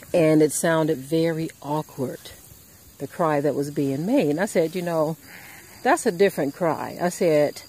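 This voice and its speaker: A woman hosting a casual farm vlog outdoors, telling a story slowly and gently and cooing at the animals. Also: low-pitched, rough recording. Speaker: channel host.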